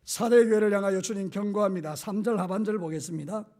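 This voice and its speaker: A man preaching a sermon as pastor, swinging from hushed tones to shouts and acting out quotes. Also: sits high, fast.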